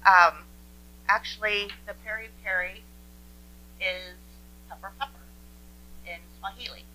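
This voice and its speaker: A woman's voice: medium pitch, steady tone, unhurried, pushed and bright, a little hiss or hum, poor audio. A woman in her forties hosting a cooking show from a home kitchen, chatting and sharing tips as she cooks. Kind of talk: casual cooking demonstration.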